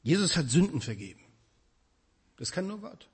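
A man preaching a sermon, addressing his congregation directly with emphatic, animated delivery. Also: on the high side, normal speed, husky.

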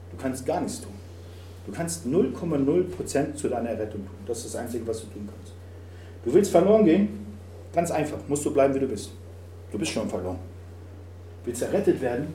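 A man preaching a sermon, swinging from quiet to loud and acting out dialogues. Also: medium pitch. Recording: roomy, from a distance, faint noise.

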